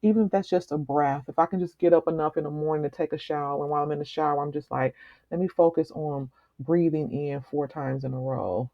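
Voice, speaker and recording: A woman guest speaking slowly and earnestly in a reflective, meditative conversation. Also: low-pitched, no echo. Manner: slow, meditative, earnest with soft laughs. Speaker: author guest. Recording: slightly muffled lo-fi recording.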